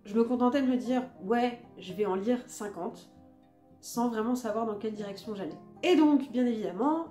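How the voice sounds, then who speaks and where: A woman chatting casually as a book vlogger about her reading list, talking in a relaxed, self-mocking way with plenty of fillers. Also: on the high side, normal speed, reverberant, faint music behind.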